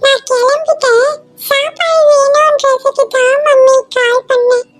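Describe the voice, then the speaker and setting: A performer voicing a cheeky schoolboy son who flatters his mother and speaks broken English, with faint music behind. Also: extremely high pitch, a little slow. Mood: scheming. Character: cheeky schoolboy son, tenth grade, mock-English show-off. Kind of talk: Tamil cartoon comedy dialogue.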